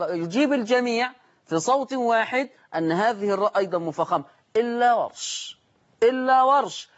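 A man's voice: sits high, lo-fi sound. A man teaching a Quran recitation lesson, asking the class questions and answering them himself. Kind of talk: tajweed lesson.

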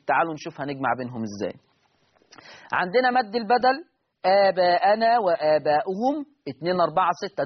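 A man with an Egyptian accent and a high voice teaches a recitation lesson. He explains step by step, repeats key points and quizzes his students. The recording sounds slightly muffled and lo-fi. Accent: Egyptian Arabic.

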